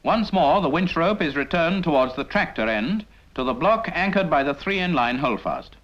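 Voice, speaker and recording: In a dull 1950s film soundtrack, a British man narrates a scripted military training film, instructing the trainee directly. His voice is a little high and a bit bright, with big pitch swings at a moderate pace. He is didactic and puts rhetorical questions to the trainee.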